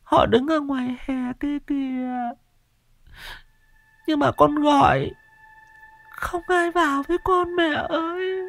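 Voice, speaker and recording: A man voicing a grieving young pregnant widow who pleads in a wailing, breathy, delirious way. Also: extremely high pitch, steady tone, slow pace, long pauses, a bit bright, dry recording, pitched above the performer's own voice, exaggerated voice. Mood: delirious pleading.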